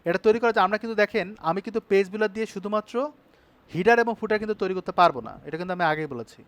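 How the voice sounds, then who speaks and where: A man teaching a live online web design class, talking fast and stopping often to check that his students follow. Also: high-pitched, fairly bright tone.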